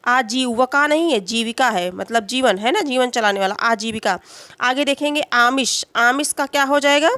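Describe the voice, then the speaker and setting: A woman with a fairly high voice teaches grammar in an unhurried, patient way. She keeps asking a question and answering it herself, with many small fillers and check-ins. The recording is dry and close, with no room sound. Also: animated, fairly bright tone, dry recording. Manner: explains slowly, asks and answers her own questions. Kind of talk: exam-prep grammar lesson.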